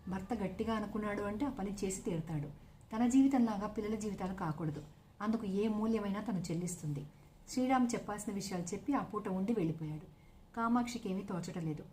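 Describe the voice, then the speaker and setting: A woman narrating a serialized novel aloud in a steady storytelling manner. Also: medium pitch, fast, a little hiss or hum.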